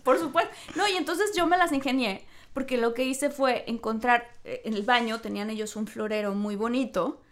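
High-voiced Mexican woman in casual chat. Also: normal speed, hardly any pauses. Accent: Mexican Spanish.

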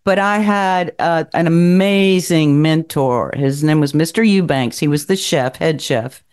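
Her voice is low, clean and a little mellow, and she keeps a measured pace. She's a Kentucky city council member in her sixties from the Appalachian Mountains, telling stories as a guest in a casual podcast chat and often laughing.

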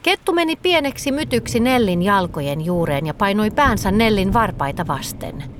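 A woman reads a children's story aloud in a gentle, expressive voice. Her mid-range pitch rises and falls in a lively way, carrying the storytelling along. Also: slight background noise.

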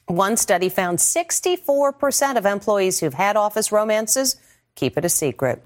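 A woman's voice: mid-range voice, lively intonation, normal speed. An American woman anchor presenting scripted tabloid TV news with a dramatic, teasing delivery.

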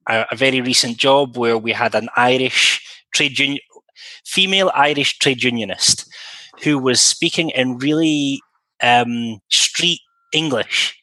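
A man's voice: mid-range voice, a little slow, bright, forceful tone, no room sound, rough recording. A man in casual podcast conversation, thinking aloud with frequent hesitations and restarts. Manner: thoughtful, hesitant, many restarts. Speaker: interpreter guest.

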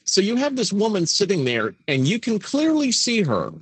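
A man co-hosting a casual comedy podcast, talking crudely as an animated storyteller. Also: high voice, moderate pace, husky, dry recording. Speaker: podcast co-host.

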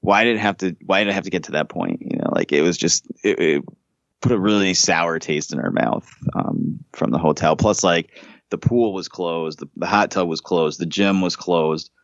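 Profane, deep-voiced New man. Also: moderate pace, no echo, lo-fi sound. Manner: profane, animated storytelling. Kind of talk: casual chat.

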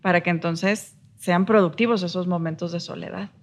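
A woman's voice: lowish voice, steady tone, normal speed. Reflective woman co-hosting. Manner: reflective, explains with rhetorical tags. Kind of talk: casual podcast conversation.

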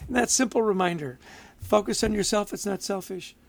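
Gravelly high-voiced male podcast host. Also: a little fast. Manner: enthusiastic, laughs easily. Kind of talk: casual podcast chat.

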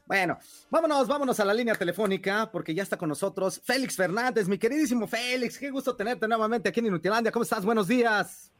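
Brief: quick, high-ish male co-host, playful and chummy on air. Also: fairly bright tone. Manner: playful, calls others "amigo". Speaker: radio co-host. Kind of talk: casual radio banter. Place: radio studio.

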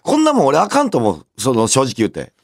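A man's voice: medium pitch, wildly swooping pitch, fast, no echo, studio quality. A man with a Kansai accent chatting casually as a podcast co-host, laid-back and teasing. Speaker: comedy duo podcast co-host. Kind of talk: casual chat.

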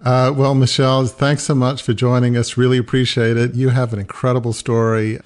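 A man co-hosting a podcast who asks the guest to share her story, halting and full of fillers. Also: medium pitch, flat delivery, darkish tone. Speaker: podcast co-host. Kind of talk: interview questions.

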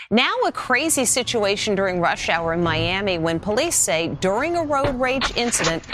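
A woman anchoring a newscast with a brisk, polished delivery. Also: medium pitch, a bit bright, a little hiss or hum. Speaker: news anchor. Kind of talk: newscast presenting.

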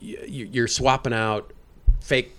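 A man's voice: mid-range voice, steady tone, slow pace, a bit bright, clear, resonant tone. Man in his fifties explaining at length. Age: 50s. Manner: rambling explanations with many restarts. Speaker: guest, state agency head. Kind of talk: casual interview chat.

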